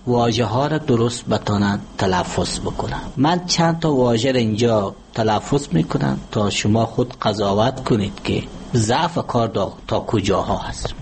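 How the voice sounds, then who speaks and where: A man with an Afghan Dari accent speaks as an interview guest, lecturing patiently on correct usage. His voice sits at an ordinary middle pitch, and he pauses often with hesitant fillers. A faint hiss runs under his speech. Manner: measured, lecturing with frequent hesitations. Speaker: language expert guest. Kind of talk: explanatory interview answers.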